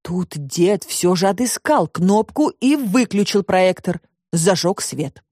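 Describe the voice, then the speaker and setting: A woman narrating a children's storybook as an audiobook, with expressive storytelling. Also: lowish voice, slow pace, dry recording, clean studio sound. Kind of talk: scripted narration.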